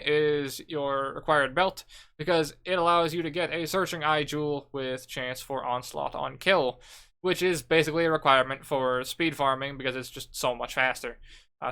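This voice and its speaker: A man's voice: medium pitch, pushed and bright, clear, resonant tone. A young man casually walking through gear choices for a game build, loose and offhand, swearing now and then. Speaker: gaming content creator. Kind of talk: casual gear guide talk.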